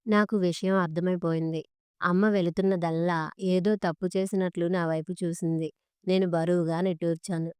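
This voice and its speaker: A woman narrates a family drama in an even, measured way. Her voice sits a little low and stays quite flat. The recording is very clear and dry, with no room sound. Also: no echo. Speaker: story narrator. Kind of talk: scripted narration.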